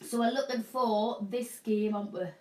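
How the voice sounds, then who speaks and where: Woman, Northern English accent, higher-pitched, home shopping host, chatty rambling sales patter, bunged up with a cold, camera mic in a small room. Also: moderate pace, warm tone. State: snotty with a cold, coughing. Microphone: camera mic at a short distance, no proper mic.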